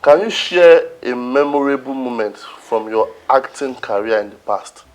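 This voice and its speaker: Nigerian guy host, deadpan, pokes at his guest with sarcastic questions, middle-pitched voice. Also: measured pace, faint music behind. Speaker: interview host. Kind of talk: sarcastic roast interview.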